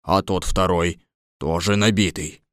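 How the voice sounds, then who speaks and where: A man playing a deep-voiced cowardly lion. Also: steady tone, a little slow, no room sound, studio quality. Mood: sheepish. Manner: bashful, self-pitying storybook acting. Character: huge cowardly male lion, timid and tearful. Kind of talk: dramatized audiobook reading.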